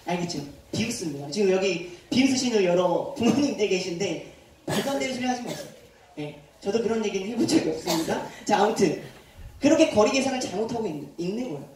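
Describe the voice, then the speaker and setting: A man who is a youth pastor, preaching a sermon to a youth group and telling the story in a lively way while quizzing his listeners. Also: high voice, fast, slight background noise. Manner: animated storytelling, quizzes the audience. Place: church hall. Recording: echoey hall, far from the mic.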